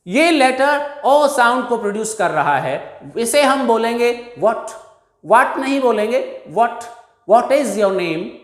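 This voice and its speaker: A man with an Indian accent teaching an English pronunciation lesson, slowly drawing out each example word. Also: very high-pitched, roomy sound.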